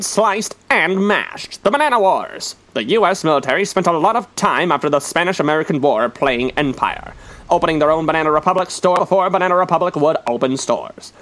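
A man's voice: high voice, fairly bright tone. A man narrating history segments in a comic mock-newsreel announcer style, dry and wry. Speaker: radio show host.

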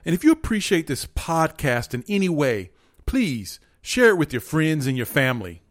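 Earnest motivational coach, dry close sound. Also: male voice, a little high, sing-song, normal speed, no echo, soft background music. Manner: earnest, repetitive, preachy, quotes definitions. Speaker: motivational podcast host and coach. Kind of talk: motivational monologue.

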